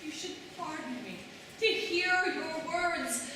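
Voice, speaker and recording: An actress playing a defiant but dutiful young noble daughter in classical verse drama, wry and formal in a theatrical way. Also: female voice, extremely high pitch, slow pace. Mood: respectful pleading. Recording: echoey room, distant mic, faint noise.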